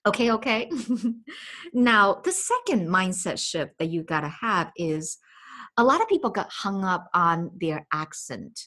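A woman's voice: mid-range voice, measured pace. A woman with a heavy Chinese accent, talking as a language coach and giving casual, chatty advice. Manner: animated, chatty, frequent fillers.

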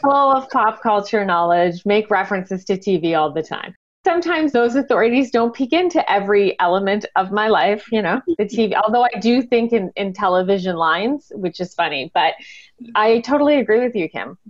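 A woman in her thirties, hosting a casual panel chat on a video call. She sounds upbeat, chatty and quick to agree. The audio is dull and lo-fi. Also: mid-range voice, animated. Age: 30s.

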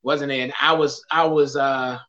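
A man's voice: mid-range voice, level tone, unhurried, sharp tone, muffled recording. A man hosting a live talk show, chatting casually and energetically with his guest. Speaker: show host.

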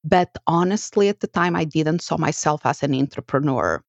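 In a deep voice at normal speed, a Portuguese-accented woman, a native speaker of Portuguese, shares a personal story for her podcast with earnest reflection. She is a podcast host and life coach, and the recording is dry and muffled.

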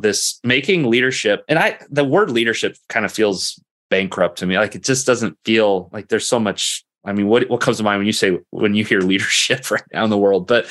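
Reflective man hosting a chat show. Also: on the low side. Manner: reflective, energetic, rephrases often with fillers. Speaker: podcast host. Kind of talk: casual conversational interview.

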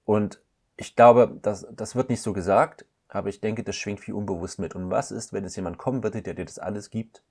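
A man's voice: on the low side, fairly even intonation, a little fast, a little mellow. A man speaking as a couples counselor guest, in a thoughtful, searching way with frequent hesitations. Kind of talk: reflective podcast conversation.

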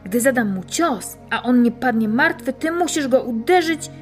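A woman's voice: on the high side, animated, normal speed, soft background music, natural voice. A woman voicing a protective farmer father in a storybook tale. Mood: commanding. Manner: firm commands, then joyful exclamations.

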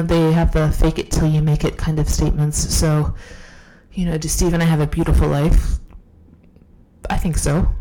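A woman's voice: low voice, dark tone, rough recording. A woman hosting a podcast while sick, talking off the cuff in a rambling, self-deprecating way, recorded on a phone at home. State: sick, losing her voice. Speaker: podcast host. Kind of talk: unscripted casual monologue. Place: home, downstairs room.

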